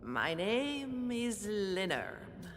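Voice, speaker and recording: A woman voicing a frail, hunchbacked old man in a game, speaking in a hoarse but warm, weak voice. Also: mid-range voice, big pitch swings, big-room sound, slight background noise. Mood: welcoming. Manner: slow, weak and plaintive.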